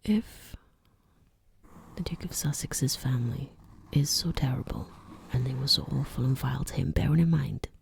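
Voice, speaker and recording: An ASMR creator giving an opinionated ramble in a soft, breathy whisper, repeating words and phrases deliberately. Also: medium pitch.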